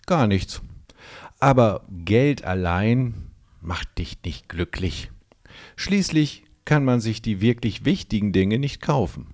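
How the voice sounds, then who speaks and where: A man's voice: lowish voice, animated, slow, a little mellow. A man voicing a tiny, pompous male gnome who grants wishes, reciting magic rules in a fussy, officious way. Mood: scornful. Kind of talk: audiobook role reading.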